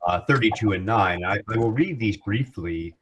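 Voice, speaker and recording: A man giving an academic lecture over a video call, halting and correcting himself as he goes. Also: on the low side, lively intonation. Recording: noisy line with clicks.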